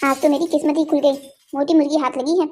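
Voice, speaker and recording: Cartoon villain: woman playing a sneering male kidnapper, high and soft-toned, taunting. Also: fairly even intonation, fast talker, faint music behind, close to an everyday voice. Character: swaggering male sword-wielding kidnapper, mocking.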